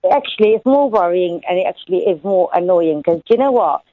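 Ringing in to a radio show for a casual chat, a woman in her late thirties talks eagerly and fairly quickly, chatty and effusive as she heaps on praise. Her lowish, expressive voice comes through a narrow, tinny telephone line, dry with no room sound.

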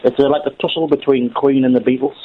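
A man's voice: mid-range voice, level tone, fast. A man calling in to a radio phone-in, chatty and jokey, his voice coming through an echoey line that sounds like an old homemade record. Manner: jokey and rambling. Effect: crackly, echoey phone line that sounds like an old record. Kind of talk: casual chat.

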